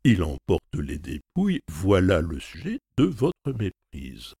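Shrewd, steady manservant, as a male reader puts him on, with a deep gravelly voice and a lively, measured delivery. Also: no echo, studio quality, full character voice. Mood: persuasive. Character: shrewd loyal male servant, calm and persuasive.

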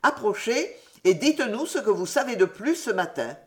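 A woman's voice: a little high, sing-song, moderate pace, fairly bright tone. A woman voicing a strict male schoolmaster who speaks harshly and commands the class. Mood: stern.

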